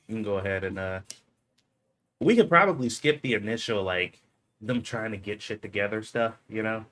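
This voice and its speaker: A man co-hosts a live stream in an easy, slangy way, talking in a somewhat low voice. He is loose and animated and laughs often as he chats. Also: normal speed, pauses often. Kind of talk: casual chat.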